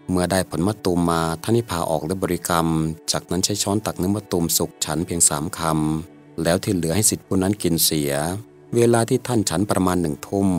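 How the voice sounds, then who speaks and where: A man giving scripted storytelling narration in an even, measured way. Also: low-pitched.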